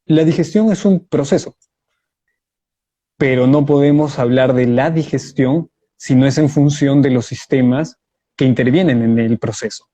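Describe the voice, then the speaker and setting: A medium-pitched, mellow male voice belongs to a guest in a live online debate over video call. He answers in a measured, explanatory way, building his view step by step and illustrating it with examples.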